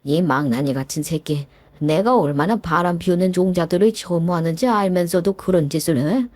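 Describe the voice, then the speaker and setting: Brief: a woman doing a stern, raging older father-in-law, pitched lower, barking in a dry close take. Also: moderate pace, a little mellow, no room sound, natural voice. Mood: furious scolding. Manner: harsh scolding, barking commands. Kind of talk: storytelling with voiced characters.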